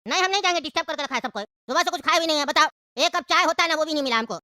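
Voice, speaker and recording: A woman's voice: high-pitched, racing, background noise, close to an everyday voice. A woman voicing a fed-up, henpecked married man, complaining at length about family fights in a comic cartoon. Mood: grumbling. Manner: whiny, complaining, exasperated.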